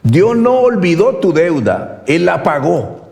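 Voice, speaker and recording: A pastor preaches in a high, swinging voice that climbs and drops all through his sermon. He stresses his points hard and keeps turning to the congregation with questions. His voice rings through an echoey hall with a long reverb tail. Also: sing-song, takes it slowly, vocal fry, a little mellow. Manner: emphatic preaching, calls listeners "hermano"; asks the congregation rhetorical questions.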